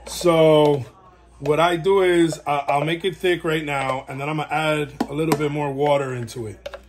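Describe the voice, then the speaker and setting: A man's voice: fairly high pitch, fairly even intonation, moderate pace. A man breeding dogs, rambling casually through a how-to vlog from home while he works. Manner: rambling and chatty, talks while working. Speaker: dog breeder. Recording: noisy home recording.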